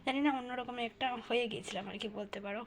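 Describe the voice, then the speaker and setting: A young woman housewife vlogging to viewers from her phone at home at night, talking softly and hushed because her child is asleep. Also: fairly high pitch, steady tone, very fast, a little hiss or hum. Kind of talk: casual vlog talk to viewers.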